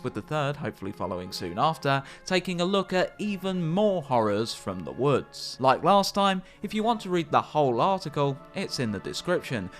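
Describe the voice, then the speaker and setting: Lively male lore narrator over music. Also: a little high. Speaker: video narrator. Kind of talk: scripted game lore narration. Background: background music.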